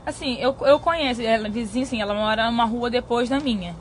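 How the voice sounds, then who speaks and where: A woman with a fairly high voice explains a neighbor's situation in a casual, plain way. She recounts events in simple sequence, adding small fillers as she goes. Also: fast talker, slight background noise. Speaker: caller or guest asking advice.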